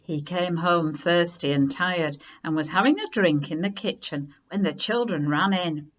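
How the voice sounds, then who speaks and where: A woman reading a children's story aloud in an expressive, unhurried way with dramatic emphasis. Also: on the low side, highs cut off.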